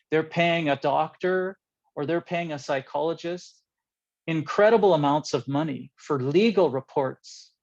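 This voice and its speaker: A man's voice: a little high, darkish tone, dull audio. A man speaking earnestly and critically as a panelist in an online discussion. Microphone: video call.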